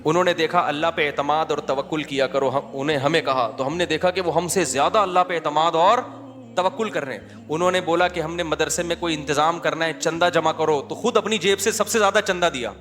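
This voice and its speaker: A man's voice: fairly high pitch, big-room sound. A man with a Pakistani Urdu accent giving a conversational sermon, telling everyday anecdotes in a colloquial way and acting out the voices of the people in his stories. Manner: colloquial, acts out quoted voices, lively storytelling. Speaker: Islamic preacher.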